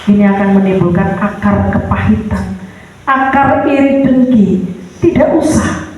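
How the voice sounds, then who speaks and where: A woman's voice: steady tone, a little slow, darkish tone. A woman preaching a sermon, emphatic and storytelling, in a large church hall. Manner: emphatic, storytelling, swinging pitch. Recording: echoey church hall, mic far off.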